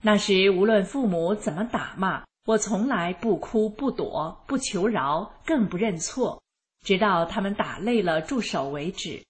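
A woman narrating her own life story in the first person, in a calm and even manner. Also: medium pitch, a little slow. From rural China.

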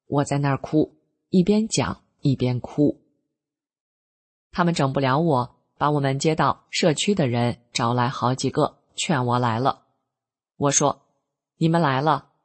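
A woman's voice: very deep voice, breathy edge. A middle-aged woman, earnestly telling her own story in plain spoken words. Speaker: narrator of a personal account. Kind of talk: first-person storytelling.

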